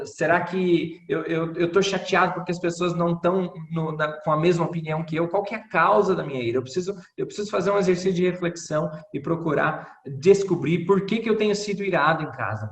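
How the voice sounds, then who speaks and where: Man teaching a Bible lesson, high voice. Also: reverberant, dull audio. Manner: reflective, asks many rhetorical questions. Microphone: video call.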